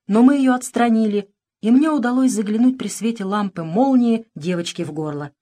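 A woman reading a literary audiobook with measured, expressive narration. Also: medium pitch. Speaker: audiobook reader.

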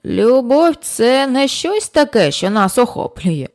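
A woman reading the part of a calm, patient old man in an audiobook, speaking slowly and gently as he explains. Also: fairly high pitch, pitched above the performer's own voice. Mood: explaining.

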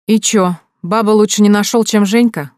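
A woman's voice: mid-range voice, fairly even intonation, moderate pace, darkish tone, no echo, pitched above the performer's own voice, close to an everyday voice. A woman voicing a crude, mocking young man who sneers and mimics others in coarse slang, in a dry audiobook recording. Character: gruff mocking brother, crude and loud.

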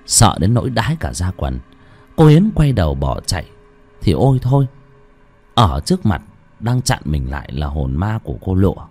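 A man narrating a horror story in a dramatic, expressive way. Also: deep voice, normal speed, breathy edge, faint music behind.

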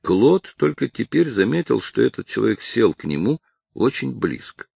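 A man narrating a novel with expressive storytelling. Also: medium pitch, normal speed, creaky, slightly rough, no echo. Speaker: audiobook narrator. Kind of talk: scripted narration.

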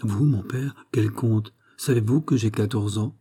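A man's voice: fairly low pitch, measured pace, mellow, slightly rough. A man reading as a naive, trusting young girl. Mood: bright surprise. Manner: earnest, candid. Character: naive trusting fourteen-year-old Venetian girl.

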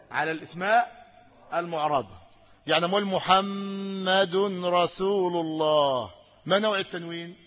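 A man with an Egyptian Arabic accent teaching an Arabic grammar lesson, quizzing his students and stretching out key words slowly for emphasis. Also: high voice, fairly bright tone, breathy edge, lo-fi sound. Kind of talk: classroom lesson with questions to students.

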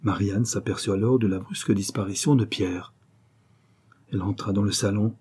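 A man reading a novel aloud in a measured, dramatic narrating voice. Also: on the low side, fairly even intonation, darkish tone, breathy edge. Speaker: audiobook narrator. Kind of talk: literary audiobook narration.

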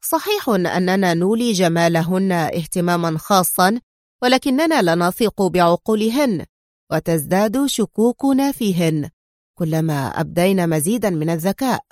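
A woman voicing a cold Sicilian crime lord who speaks calmly with biting sarcasm. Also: fairly low pitch, normal speed, no echo, clean studio sound, close to an everyday voice. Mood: calm mocking. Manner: calm, sarcastic.

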